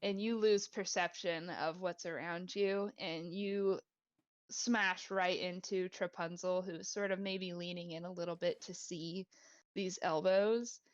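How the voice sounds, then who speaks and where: A woman's voice: fairly low pitch, steady tone, unhurried, no room sound, lo-fi sound. A woman game master improvising narration in an informal, playful, sweary way.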